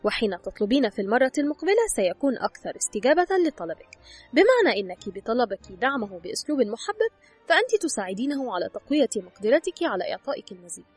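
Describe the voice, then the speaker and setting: Brisk, breathy woman reading advice. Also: fairly high pitch, a little mellow, dry recording. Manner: instructive, addresses the listener directly. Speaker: audiobook narrator. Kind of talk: scripted narration of an advice book.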